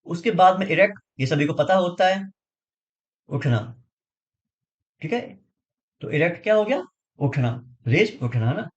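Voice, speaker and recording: A man teaches exam vocabulary, drilling memory tricks and checking in with his students again and again. His voice sits high and swings widely in pitch, giving the lesson a lively, animated lilt. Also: measured pace, long pauses, lo-fi sound. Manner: explains with repeated memory tricks, frequent checking questions.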